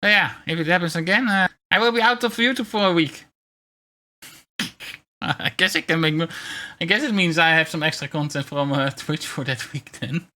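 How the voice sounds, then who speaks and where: A man livestreaming in a casual chat, talking in a halting, rambling way with wry, self-deprecating grumbles. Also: fairly high pitch, sharp tone. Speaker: VTuber streamer.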